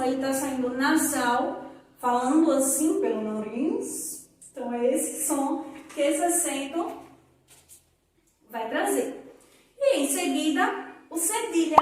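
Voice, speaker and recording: A woman teaching young children in a recorded lesson, drawing out example words slowly for them to repeat. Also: high-pitched. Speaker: primary school teacher. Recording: echoey room, voice from a distance.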